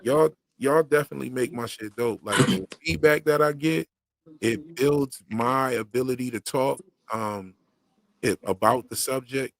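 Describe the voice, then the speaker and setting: Talking a little slowly in a medium-pitched voice, with no room sound on the recording, this man hosts his YouTube channel's livestream. His chat is casual, slangy and loosely rhythmic, and he shares that he used to stutter heavily.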